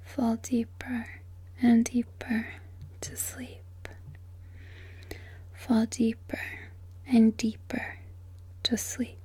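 Slow breathy whispering woman. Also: fairly high pitch, level tone, a little mellow. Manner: slow repetitive soothing whisper. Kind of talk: whispered sleep hypnosis.

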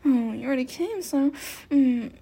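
A woman playing a sadistic, unhinged female killer in an adult audio roleplay, talking in a breathy whisper broken by laughs. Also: sits high, expressive, moderate pace, mellow, heavily acted. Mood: manic.

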